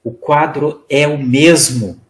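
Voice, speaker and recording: In a low-quality, echoey recording, a man with a fairly high, fairly even voice speaks slowly. He's the lecturer at a spiritist study talk, teaching didactically, acting out sample phrases and often adding "né?"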